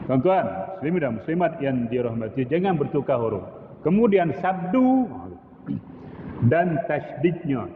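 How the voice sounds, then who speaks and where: Male mosque teacher, middle-aged, unhurried; tinny recording with long hall reverb. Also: on the high side, a little hiss or hum. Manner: demonstrates recitation, chanting Arabic phrases between plain explanation. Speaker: religious teacher. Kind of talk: mosque lecture on Quran recitation.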